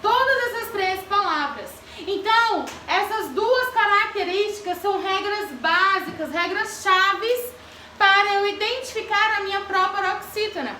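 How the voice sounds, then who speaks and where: A woman's voice: very high-pitched, a little slow, bright, forceful tone, a little hiss or hum. A woman teacher giving a grammar lesson to children, asking the class questions and calling on pupils by name. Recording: echoey classroom from far off.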